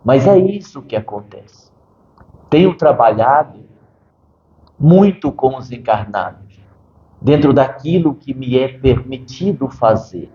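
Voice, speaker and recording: A man, a medium, speaking as a spirit doctor in a channeled interview, measured and given to dry humor. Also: medium pitch, lively intonation, reverberant, highs cut off.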